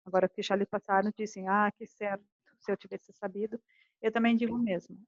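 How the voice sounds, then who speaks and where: A woman with a mid-range voice, talking a little fast, lectures a class as a communication coach. Animated throughout, she plays out quoted couples' arguments, recorded with no room sound and the highs cut off.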